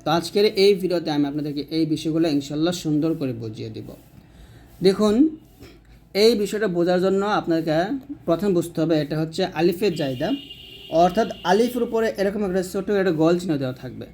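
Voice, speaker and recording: A man teaching Quran reading in a recorded lesson, explaining slowly and deliberately and drawing out example words. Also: a little high, a little mellow. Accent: Bangladeshi Bengali.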